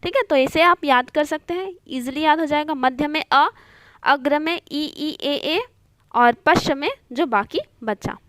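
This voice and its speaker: High-voiced woman teaching Hindi, dry sound. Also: a little slow, a bit bright, no room sound. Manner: patient, repeats points with frequent "theek hai" checks; mixes English words into Hindi. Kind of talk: online grammar lesson.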